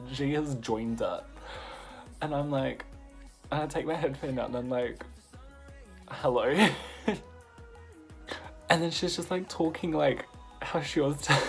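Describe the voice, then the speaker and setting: A man telling a story in a casual vlog, animated and laughing, swearing freely as he goes. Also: mid-range voice, gravelly. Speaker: vlogger.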